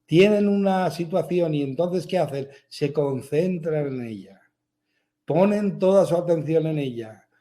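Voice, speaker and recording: A man's voice: on the high side, animated, unhurried, dark tone. Emphatic man. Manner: repetitive and emphatic, with rhetorical questions. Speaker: spiritual speaker. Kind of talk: motivational spiritual talk.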